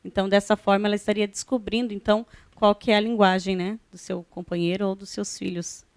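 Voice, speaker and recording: A Brazilian woman talks as a guest on a church television program in a smooth, clear voice. She speaks conversationally, often checking in with her listeners, and she is recorded close and dry. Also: mid-range voice, flat delivery, fast, no echo. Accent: Brazilian Portuguese. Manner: conversational, frequent "né" tags. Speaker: guest, pastor's wife. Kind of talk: church TV interview.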